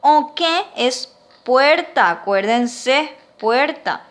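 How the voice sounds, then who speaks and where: Teacher, woman, Paraguayan Spanish accent, high voice, patient and slow, breaks words into syllables. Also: expressive, fairly bright tone. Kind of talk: classroom lesson, slow dictation.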